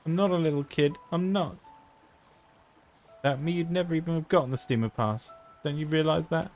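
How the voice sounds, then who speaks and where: A man's voice: a little fast, a little mellow, faint music behind, natural voice. Guy putting on a pouty little girl voice, clingy and fired up, game dialogue read aloud. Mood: indignant. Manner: reading game dialogue aloud in a higher put-on voice. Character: young girl, spirited and clingy.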